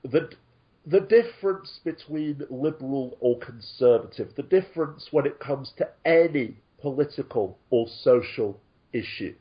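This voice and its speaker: A man's voice: mid-range voice, expressive, a little slow, dull audio. A man talking on an online show, sarcastic and indignant, swearing freely as he rants. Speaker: guest commentator. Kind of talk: casual online talk show discussion.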